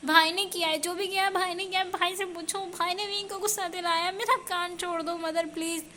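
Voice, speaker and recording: A woman's voice: very high voice, steady tone, fairly quick, pushed and bright, a little hiss or hum, voice pushed up. A woman doing a teasing, smug young man. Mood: whining.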